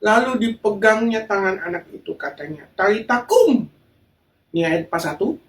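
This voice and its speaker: A children's church teacher telling a Bible story to kids in a lively way and acting out the quotes. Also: medium pitch, a little fast, far from the mic. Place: church hall. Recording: echoey room, voice from afar.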